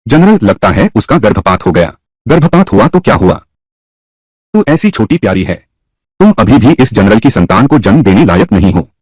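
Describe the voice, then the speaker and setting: A man's voice: on the low side, sing-song, moderate pace, darkish tone, husky, no room sound. A man voicing a cruel, leering general. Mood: contemptuous. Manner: contemptuous, leering. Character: cruel lecherous male general. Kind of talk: Hindi drama dub.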